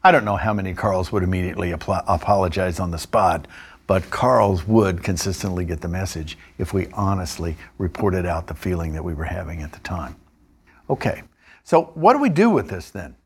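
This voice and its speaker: A male instructor narrating a training lesson in a measured, explanatory way. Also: deep voice, lively intonation, slightly rough. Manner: measured, explanatory, with occasional restarts.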